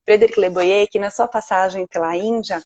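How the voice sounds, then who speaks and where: A woman with a Brazilian Portuguese accent, a sleep consultant speaking gently and reassuringly on a live video call. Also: medium pitch, fairly even intonation, normal speed, no room sound, muffled recording.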